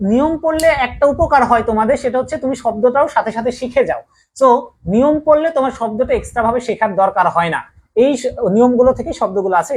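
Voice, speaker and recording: A young man with a Bangladeshi Bengali accent teaching an online grammar class, repeating each point and checking over and over whether everyone has understood. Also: very high voice. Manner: repetitive, drilling, keeps asking if all is clear.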